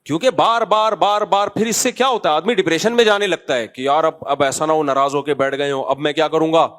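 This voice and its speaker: A man's voice: a little high, fairly even intonation, a bit bright. A middle-aged man, a mufti answering questions from the public in a conversational, scolding manner with joking asides. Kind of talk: public Q&A talk.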